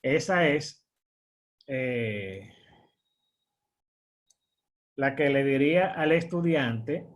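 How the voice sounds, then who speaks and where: A man's voice: medium pitch, lively intonation, extremely slow, long pauses. A man, teaching an online course as a screen-share tutorial, explaining step by step with fillers and frequent "verdad?" checks.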